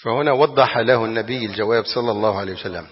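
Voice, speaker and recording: A man's voice: lowish voice, very fast, husky, dull audio. Levantine male preacher in an echoing hall. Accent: Levantine Arabic. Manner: animated, explanatory, rhetorical questions. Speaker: religious teacher. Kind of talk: religious lesson explaining a hadith.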